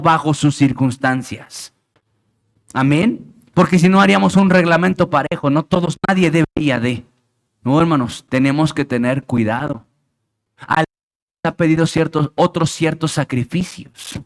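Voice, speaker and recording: A man's voice: a little high, normal speed, low-quality recording. A man preaching a sermon as pastor of a church, emphatic, asking the congregation rhetorical questions. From Mexico. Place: church sanctuary.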